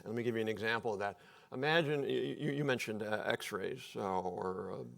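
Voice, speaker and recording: A man's voice: on the low side, normal speed, creaky, a bit bright. A man speaking as a panelist at a live public discussion, explaining points in an offhand, joking way.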